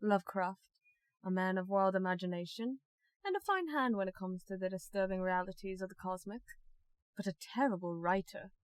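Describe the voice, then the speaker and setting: A woman's voice: medium pitch, brisk, clean tone, no room sound, natural voice. A woman voicing the Doctor, an alien time traveller whose mind is unravelling, in an audio drama. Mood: wry. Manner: anguished, pleading, erupts into shouts.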